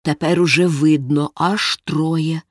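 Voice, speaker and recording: A woman voicing a scared, superstitious boy, speaking in a low, trembling whisper for a storybook reading. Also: fairly even intonation, takes it slowly, dry recording, clean studio sound. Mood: fearful.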